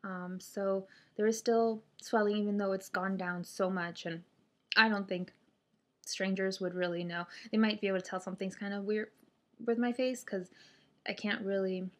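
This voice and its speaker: Female vlogger, mid-pitched, casual and hesitant, talking through a stiff, barely opening post-surgery jaw. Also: steady tone, moderate pace. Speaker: vlogger sharing surgery recovery update. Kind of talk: casual chat to camera.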